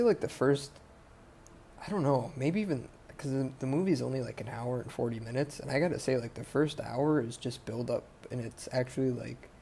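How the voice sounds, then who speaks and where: A man's voice: mid-range voice, vocal fry, warm tone, slight background noise. A man hosting a podcast, casually recapping a movie in a rambling, profane way, full of fillers and self-corrections. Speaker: podcast host.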